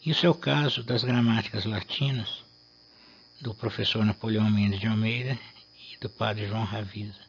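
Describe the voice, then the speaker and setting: A man, explaining a lesson in a measured way and pausing to rephrase himself. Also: on the low side, fairly even intonation, husky, lo-fi sound. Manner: measured, with restarts and fillers. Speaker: Latin teacher.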